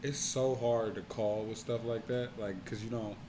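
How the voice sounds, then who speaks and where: A man co-hosting a podcast, talking in a laid-back, halting way with many restarts. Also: lowish voice, fairly even intonation, noisy background. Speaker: podcast co-host. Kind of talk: casual chat.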